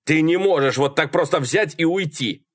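A man voicing a panicked male driver who yells desperately. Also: a little high, moderate pace, no echo, studio quality, voice pushed up. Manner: yelling, desperate.

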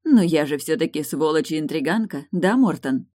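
A single reader voicing a sharp-tongued, bitter woman who walks with a cane, raised a little above their own voice, in audiobook style. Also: mid-range voice, expressive, moderate pace, no room sound, studio quality, close to an everyday voice. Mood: mocking. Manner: mocking, bitter. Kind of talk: audiobook character voice.

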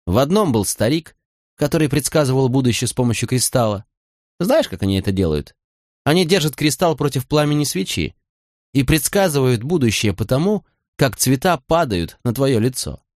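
A man's voice: mid-range voice, very animated, moderate pace, a little mellow, no room sound, clean studio sound, pitched above the performer's own voice, natural voice. A man voicing a proud young woman who is hurt and angry, speaking in a raised, reproachful voice. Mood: hollow, calm.

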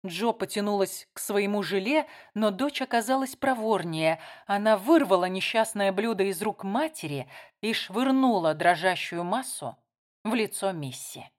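Narrator: woman, even storytelling delivery for an audiobook. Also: medium pitch, moderate pace. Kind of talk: scripted narration.

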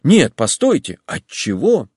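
A man puts on a fiery, impulsive young woman in this audiobook, raised high above his own register and pushed louder. Her lines press and plead, swooping in pitch. The recording is close and dry. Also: wildly swooping pitch, measured pace, breathy edge, no room sound, heavily acted. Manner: pleading, agitated, insistent. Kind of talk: audiobook character voice.

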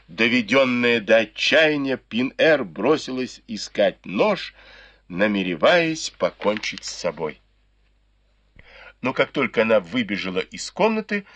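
A man reading an audiobook narration in an expressive storytelling manner. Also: mid-range voice. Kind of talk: scripted narration.

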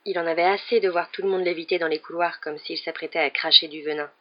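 A man's voice: fairly even intonation, fast talker. A man reading a children's fantasy novel aloud as scripted narration, lifting his voice for the characters' lines. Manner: reads all the characters with raised pitch for quoted lines. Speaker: audiobook reader. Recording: dull lo-fi recording.

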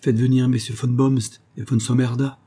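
A man voicing a calm, shrewd senior official who questions gently and probingly. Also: medium pitch, moderate pace, voice pushed up, lightly acted.

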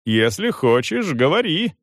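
A male narrator voicing a hard, cold soldier who speaks in gruff, clipped commands. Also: a little high, sing-song, measured pace, no echo, clean studio sound, voice pushed up, exaggerated voice.

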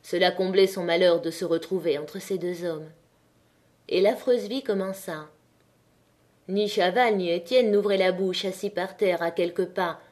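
A woman narrating an audiobook of a classic novel with a measured, expressive reading. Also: lowish voice.

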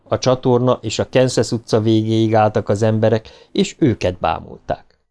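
A male narrator reading a novel in a steady, measured way, his voice in a plain middle pitch. He keeps the narration even and composed. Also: gravelly. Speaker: audiobook narrator. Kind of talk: scripted narration.

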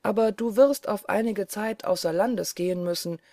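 A woman's voice: mid-range voice, normal speed, mellow, no room sound, clean studio sound, lightly acted. A woman reading the lines of a huge, greedy and sly male forest giant who mocks and boasts. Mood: boastful. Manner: mocking, boastful.

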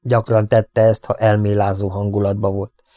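Calm low-voiced male audiobook narrator. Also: no room sound. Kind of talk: scripted narration.

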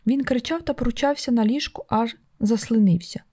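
A woman narrating an audiobook in a steady, measured storytelling voice. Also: fairly high pitch, dry recording, studio quality. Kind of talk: scripted narration.

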